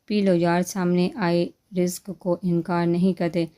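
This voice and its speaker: A woman reading the lines of a caring, regretful male boss in an audiobook novel, in a gentle, even manner. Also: lowish voice, lightly acted. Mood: calm. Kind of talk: storybook reading.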